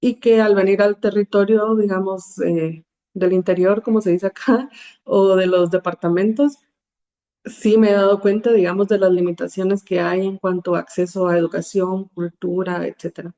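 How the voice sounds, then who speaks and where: A woman from Guatemala City with a Guatemalan Spanish accent, a psychologist speaking as a podcast guest in a measured, reflective way. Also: medium pitch, steady tone, warm tone. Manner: measured, reflective, uses fillers like digamos. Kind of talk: podcast interview answer.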